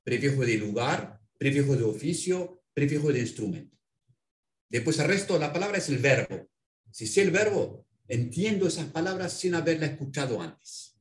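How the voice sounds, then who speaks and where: A man teaching a language in an interview, patiently explaining and spelling out words slowly. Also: a little high, lively intonation, reverberant. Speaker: Arabic language instructor.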